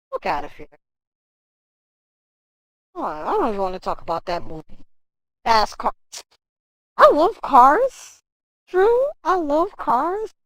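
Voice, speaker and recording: Woman streamer, high lively voice, swears freely, chats with viewers, dry close sound. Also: no room sound, rough recording. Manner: animated, profane ranting; talks straight to chat. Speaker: livestreamer. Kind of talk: casual livestream chat.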